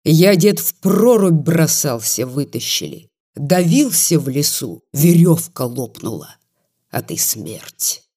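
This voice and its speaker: A reader voicing a bitter, defiant crippled young peasant man with rough, scornful rustic speech, in an audiobook reading. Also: mid-range voice, sing-song, slow pace, dark tone, exaggerated voice.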